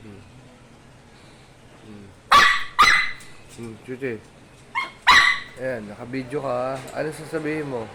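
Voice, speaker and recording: A man filming his pet dog at home, gently coaxing it and chatting about its habits. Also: mid-range voice. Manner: soft coaxing talk to the dog, mixed with chatty explaining. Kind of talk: casual home vlog, talking to a dog. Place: home, indoors. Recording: noisy home recording with a dog.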